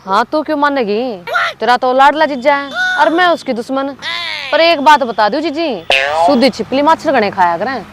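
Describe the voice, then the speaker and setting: A woman's voice: high voice, expressive, normal speed, noisy background. A woman with a Haryanvi accent acting in a comedy sketch, complaining in a gossipy way. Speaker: comic actor.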